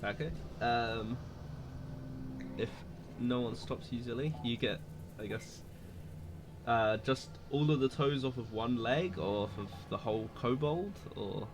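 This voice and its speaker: Man, game master, tabletop narration, mid pitch, hesitant, lots of fillers. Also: unhurried, background noise.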